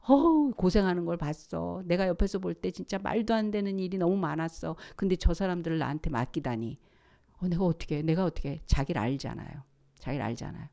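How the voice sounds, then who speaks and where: Korean woman pastor preaching animatedly. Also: medium pitch. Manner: animated storytelling, acts out quoted voices, swings from soft to loud. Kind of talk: sermon. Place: church sanctuary.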